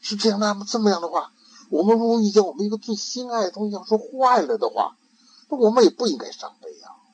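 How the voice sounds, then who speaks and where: An old man doing a high, eager little boy monk. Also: animated, quick pace, husky, low-quality recording. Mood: earnest. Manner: earnest, innocently probing questions. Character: clever nine-year-old boy monk.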